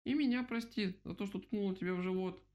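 A man voicing a tiny female field mouse in a storybook, squeaky and apologetic. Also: fast, a little mellow, lo-fi sound, lightly acted.

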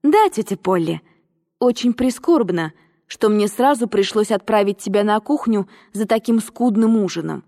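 A woman's voice: medium pitch, animated, moderate pace, warm tone, lightly acted. A woman voicing a cheerful, eager little girl who talks with bubbly, breathless enthusiasm. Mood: excited. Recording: long reverb.

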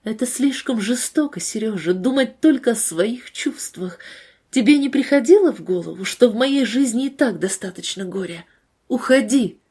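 Brief: a despairing young woman in a wheelchair, pleading, husky and soft, read by a woman narrator. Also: on the high side, lively intonation, moderate pace. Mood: stern. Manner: emotional, pleading.

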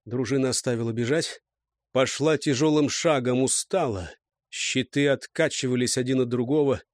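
A man's voice: medium pitch, normal speed, no room sound. A man narrating an audiobook in a dramatic, vivid reading style.

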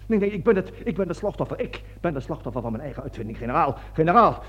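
A man acts a cowardly, self-justifying army colonel in a radio drama, panicking and flustered as he blusters, stammers and pleads, repeating himself. His voice is a little high and sing-song, quick, with a breathy edge, heard through a dull lo-fi old radio recording.

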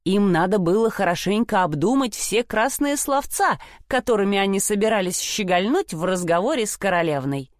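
A woman narrating a fairy tale in an expressive, playful storybook reading. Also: medium pitch, normal speed, few pauses, no room sound, clean studio sound.

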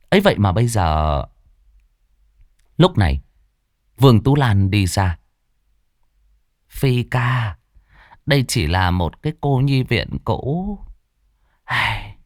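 Lively low-voiced male storyteller. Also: no echo, studio quality. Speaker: narrator. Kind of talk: storytelling narration.

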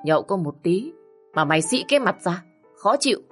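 A woman's voice: deep voice, animated, normal speed, soft background music. Woman doing a drunk, belligerent husband. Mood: drunk, angry. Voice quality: slurred, husky with drink. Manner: shouting, belligerent. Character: drunk angry middle-aged husband.

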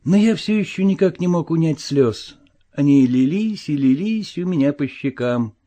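Expressive male audiobook narrator. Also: on the high side, moderate pace. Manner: expressive, swinging between loud and hushed. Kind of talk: dramatic audiobook reading.

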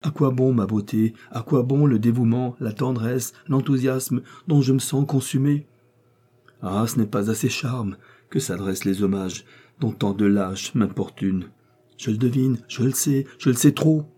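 A man's voice: medium pitch, unhurried, warm tone, husky, voice pushed up. A man reading an audiobook, voicing a proud and passionate young heiress who distrusts her suitors, speaking with vehement feeling. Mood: impassioned. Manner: impassioned, vehement, sometimes tearful.

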